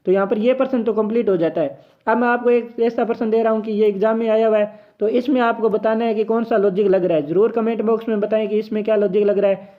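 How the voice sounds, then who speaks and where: A man's voice: high voice, fairly even intonation, quick pace. A man teaching an exam reasoning question in a chatty, encouraging way, thinking aloud as he solves it. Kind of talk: casual tutorial lesson. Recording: tinny phone-like audio.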